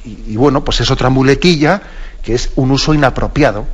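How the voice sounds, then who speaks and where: A man's voice: mid-range voice, a little fast, breathy edge, lo-fi sound. A man with a Spanish accent, a bishop explaining the catechism on radio in a conversational way, often adding tag questions and restarting sentences. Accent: Spanish from Spain.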